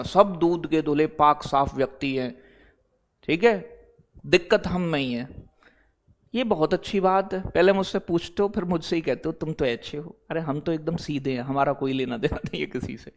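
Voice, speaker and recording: Male exam-prep teacher with a slightly high voice, casual and blunt, keeps asking the class if they follow. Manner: addresses students as beta and bhai, repeats "theek hai bhai?"; digresses into blunt talk, then back to teaching. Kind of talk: live online class, chatty lecture.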